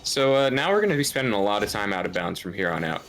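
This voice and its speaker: Man, low-ish voice, tired, giggly, rambling, live speedrun commentary. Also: big pitch swings, quick pace, a bit bright. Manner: rambling, giggly, loses his words.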